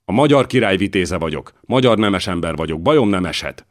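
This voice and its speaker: A man reading as a gruff hot-tempered warrior. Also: low voice, animated, no echo, studio quality, pitched above the performer's own voice. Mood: angry. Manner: gruff, threatening.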